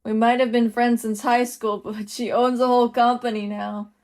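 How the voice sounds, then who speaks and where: A woman's voice: a little high, little pitch movement, moderate pace, darkish tone, soft background music, natural voice. A woman voicing a casual, easygoing young producer who keeps spacing out. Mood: dozy. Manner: casual, easygoing, self-deprecating. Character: sleepy, scatterbrained young adult producer.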